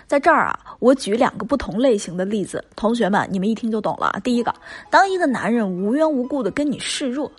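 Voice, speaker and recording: Woman relationship coach, higher, husky voice, lively emphatic delivery, faint music underneath. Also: quick pace, few pauses. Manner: emphatic, chatty, rhetorical questions. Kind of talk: spoken lesson to listeners.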